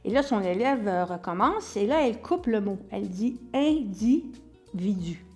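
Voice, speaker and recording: A woman's voice: mid-range voice, animated, normal speed, darkish tone, soft background music. A woman with a Québécois French accent giving an online acting lesson, explaining and demonstrating word stress by example. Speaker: acting teacher.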